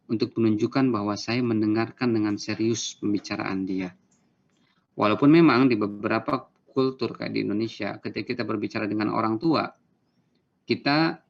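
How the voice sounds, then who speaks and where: Male lecturer, gravelly voice, explanatory, lo-fi recording. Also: fairly low pitch. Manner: explanatory, gives everyday examples, acts out short quotes. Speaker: university lecturer.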